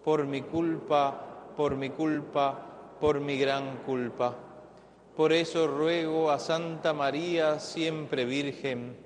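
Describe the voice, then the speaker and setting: A man, a priest, celebrating Mass in a large church, speaking in a slow, solemn liturgical cadence with a cathedral echo. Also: fairly high pitch, fairly even intonation, slight background noise. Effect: cathedral echo, long church reverb. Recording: echoey church broadcast with long reverb.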